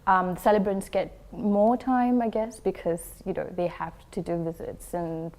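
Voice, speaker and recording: A woman's voice: medium pitch, a little slow, darkish tone, a little hiss or hum. A woman from Singapore, a guest in an interview, answering thoughtfully with frequent hesitations and filler ums.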